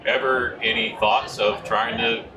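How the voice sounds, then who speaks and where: A man's voice: mid-range voice, flat delivery, measured pace, background noise. A man hosting a casual interview, asking curious, friendly questions. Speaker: podcast host.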